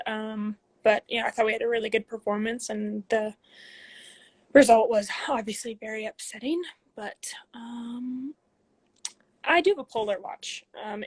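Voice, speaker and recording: Hosting a live Q&A from her phone at home, this athlete in her twenties reads out comments from viewers and responds, her medium-pitched voice chatty and laced with frequent ums. Every so often she slips into soft asides.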